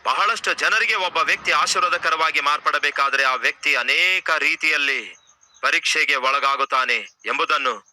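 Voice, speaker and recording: A male pastor preaching a sermon and leading a prayer, dramatic, acting out voices with big swings in pitch. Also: normal speed, pushed and bright, low-quality recording.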